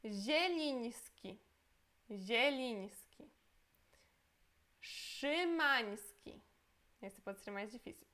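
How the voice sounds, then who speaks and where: A woman gives a language lesson in a fairly high voice. She speaks slowly and deliberately, pronouncing each word carefully twice, then adds quick asides to explain. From Poland. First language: Polish. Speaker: Polish language teacher. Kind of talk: language lesson, reading words aloud and explaining.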